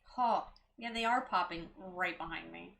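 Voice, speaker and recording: A woman's voice: fairly low pitch, measured pace, creaky, a bit bright, slight background noise. A woman streaming a game, chatting casually and playfully, laughing and joking about how she mispronounces place names. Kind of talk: casual gameplay chat.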